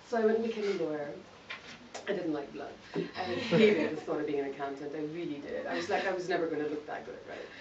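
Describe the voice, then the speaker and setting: A middle-aged woman from Malawi gives a candid, self-mocking guest talk in an event hall, laughing often, her low voice a little fast. The recording is noisy and dull, with a loud crowd, a distant mic and an echoey hall.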